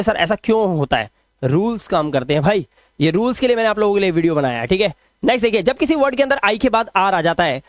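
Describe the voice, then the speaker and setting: A man's voice: sits high, no room sound, clean studio sound. Male teacher drilling phonics. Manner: repeats example words slowly, asks the class questions. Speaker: English teacher. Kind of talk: phonics lesson explaining spelling rules.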